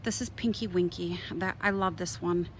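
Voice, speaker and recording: Speaking at a fairly low pitch with a steady tone and moderate pace, a woman from Minnesota who runs a gardening vlog tours her garden outdoors, chatting casually and spontaneously amid exclamatory asides. The handheld outdoor recording is noisy, with clear ambient noise.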